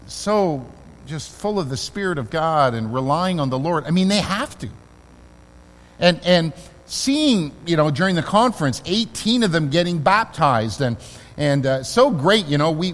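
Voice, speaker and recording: A male pastor delivers an earnest, emphatic sermon in a church, slowing down to stress his key words. His voice sits high for a man. The sound carries a long reverb, as if it fills a large hall.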